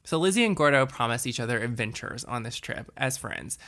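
Bright-voiced woman chatting away about a movie, super enthusiastic, crisp tone. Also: very deep voice, lively intonation, a little fast. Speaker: podcast co-host. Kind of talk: casual chat.

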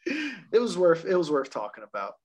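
A man co-hosting a podcast, excitedly telling a story in casual chat and laughing often. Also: high voice, normal speed, a crowd in the background. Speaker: podcast co-host.

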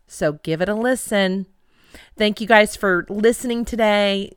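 A woman's voice: mid-range voice, a bit bright, clear, resonant tone, no echo, studio quality. A woman in her fifties hosting a podcast, chatting conversationally through introductions and interview questions. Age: 50s. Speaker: podcast host.

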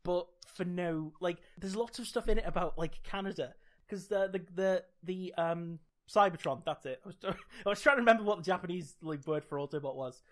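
A man's voice: sits high, fairly quick. A man co-hosting a casual podcast, rambling with lots of "like" and dry jokey asides. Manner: rambling, full of "like" and restarts. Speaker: podcast co-host. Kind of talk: casual chat.

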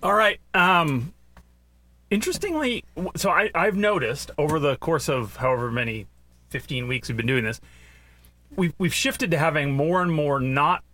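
A man co-hosting a casual news podcast with his child, making dry puns and pausing often with "um". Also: fairly high pitch, expressive, bright, forceful tone. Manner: punning, dry dad jokes; hesitant, with many ums. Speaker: podcast co-host, father of the other host.

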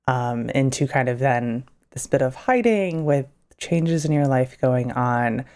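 A woman hosts a podcast in a low, dark voice with a gravelly edge. She opens in a friendly way and asks her guest questions. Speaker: podcast host. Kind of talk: podcast interview.

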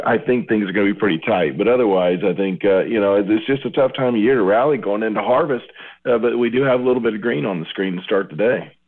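A man with a deep, slightly husky voice talks over a thin, tinny phone line. He answers questions casually and keeps dropping in fillers and small restarts as he thinks aloud. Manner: conversational, many fillers and restarts. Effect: speaking over the phone. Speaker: agricultural market analyst. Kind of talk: radio interview answers.

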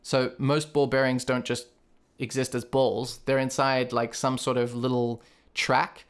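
A man's voice: mid-range voice, level tone, a little slow, clean tone. Man running a tabletop game. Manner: explains things at length, reads facts aloud. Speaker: game master.

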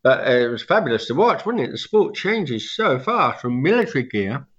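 A man's voice: mid-range voice, sing-song, moderate pace, a bit bright, slightly rough, muffled recording. An older man with toothless, slightly slurred speech, reminiscing casually as an interview guest. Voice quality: toothless, slurred speech from having all teeth out. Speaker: interview guest, veteran skydiving suit maker.

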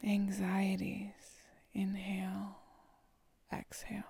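A woman leading a guided meditation, speaking slowly and softly, often dropping into a whisper. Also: mid-range voice, monotone, vocal fry, husky. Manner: slow, soft and soothing, often whispered.

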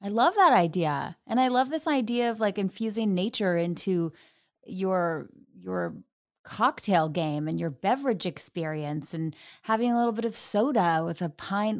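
In a casual interview, the female host tells warm, enthusiastic stories sprinkled with fillers. She has a medium-pitched voice. The recording is dry and of studio quality.

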